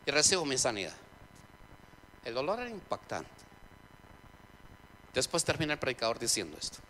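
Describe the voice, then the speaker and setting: A man preaching a sermon testimony in a church, telling his story dramatically, swinging between loud preaching and quiet narration. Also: mid-range voice, wildly swooping pitch, moderate pace. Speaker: pastor. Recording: church hall reverb, faint noise.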